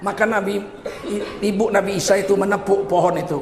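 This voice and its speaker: A man from Indonesia preaching a humorous sermon, telling the story with lively asides and acted-out quotes. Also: sits high, a little fast, reverberant, big-room sound, noisy background.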